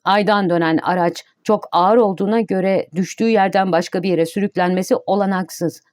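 A woman reading a measured ship captain. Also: mid-range voice, steady tone, darkish tone, no room sound, clean studio sound, natural voice. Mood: earnest. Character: male ship captain, matter-of-fact.

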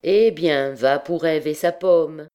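A woman's voice: deep voice, slow, warm tone, clear, resonant tone. A woman voicing a cocky young male student who talks in a teasing, haughty way.

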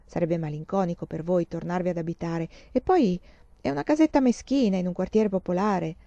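A woman's voice: lowish voice, a little fast, warm tone, dry recording, highs cut off, close to an everyday voice. A woman reading the part of a wealthy older man, formal and reassuring.

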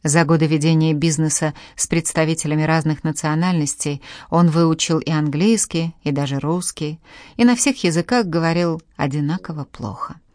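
A woman narrating an audiobook in an expressive, dramatic reading style. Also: deep voice, no room sound, studio quality. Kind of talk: scripted narration.

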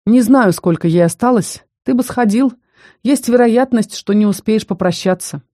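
A narrator plays a stern young male mage in an audiobook, a cold, clipped speaker who keeps a protective edge under a mellow, soft-toned voice. The recording is close and dry. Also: medium pitch, dry recording, voice pushed up, lightly acted. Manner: cold, firm, measured. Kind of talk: audiobook character reading.

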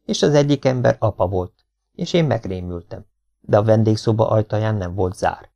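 A man reading an audiobook aloud as first-person narration, in a plain, flat manner. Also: on the low side, creaky, no room sound. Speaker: audiobook reader. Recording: dull lo-fi home recording.

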